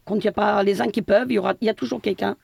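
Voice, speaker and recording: A woman's voice: mid-range voice, steady tone, racing, vocal fry, darkish tone, no echo. A middle-aged woman from Portugal, a building caretaker answering interview questions hesitantly with many fillers and restarts.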